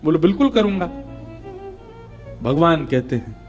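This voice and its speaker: High-voiced man giving a devotional discourse. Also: expressive, unhurried, soft background music. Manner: storytelling with acted dialogue and chanted Sanskrit verses. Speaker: katha preacher.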